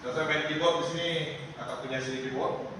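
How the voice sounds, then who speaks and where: A man's voice: a little high, steady tone, fast, fairly bright tone. A man teaching a singing lesson, asking his class many questions in a chatty way. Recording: echoey hall, mic far off, noisy.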